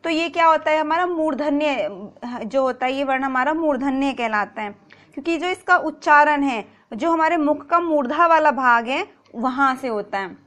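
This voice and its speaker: High-voiced woman teaching a lesson. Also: a bit bright. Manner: patient, repeats example words slowly and asks rhetorical questions. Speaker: Hindi grammar teacher. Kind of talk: explanatory video lesson.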